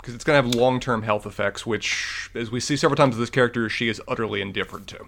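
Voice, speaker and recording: A man's voice: medium pitch, steady tone, fast talker, vocal fry, fairly bright tone. A man co-hosting a podcast, adding articulate, wry commentary in casual review chat. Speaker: podcast co-host.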